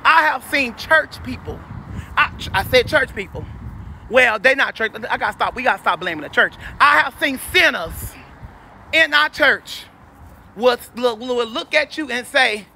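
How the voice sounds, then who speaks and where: Brief: very high-pitched man, loud preachy warnings, phone-recorded outdoors with traffic noise. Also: expressive, a little slow, vocal fry. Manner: emphatic, repetitive warnings, loud. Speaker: self-styled preacher going live. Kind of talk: preachy live-stream monologue. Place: outdoors on a neighborhood street. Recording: street noise with passing traffic.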